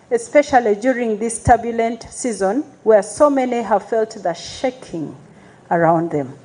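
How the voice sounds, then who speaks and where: A woman, an Anglican chaplain giving a formal, measured address to a congregation, with call-and-response praise. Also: a little high, dark tone, low-quality recording. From Uganda.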